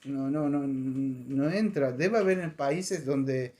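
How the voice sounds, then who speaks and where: A man preaching a conversational sermon in a church, animated and acting out voices in his stories. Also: mid-range voice, takes it slowly. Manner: animated, acts out voices in anecdotes. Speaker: pastor.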